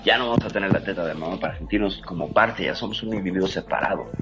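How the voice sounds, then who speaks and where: Deep-voiced man with music behind. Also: quick pace. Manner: expansive, rhetorical questions, emphatic. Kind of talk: reflective conversational explaining. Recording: muffled audio with music underneath.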